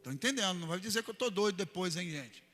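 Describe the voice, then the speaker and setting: A man with a Brazilian Portuguese accent, a pastor preaching a sermon in a church hall and acting out everyday examples with lively energy. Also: high-pitched, fast, soft background music.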